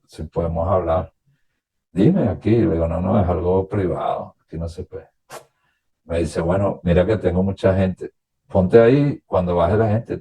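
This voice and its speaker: On a radio interview, a Venezuelan priest reflects on his own story, pausing haltingly as he recounts conversations from the past. His voice sits low and is mellow, slightly rough.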